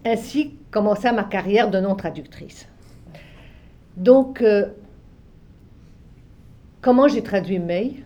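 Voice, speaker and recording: An older Egyptian woman, a literary translator who grew up natively speaking both Arabic and French, recalls her working life in a relaxed, spoken way. Her dark, mellow, mid-range voice moves slowly with frequent pauses. She is reflective, musing and circling back, repeating herself, restarting often and letting phrases trail off softly.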